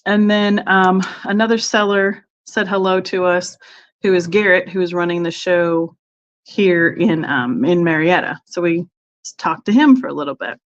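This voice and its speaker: A woman's voice: on the low side, normal speed. Woman host of a live-stream sale, rambling and chatty, greets viewers by name, dull lo-fi audio. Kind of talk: casual live-stream chat.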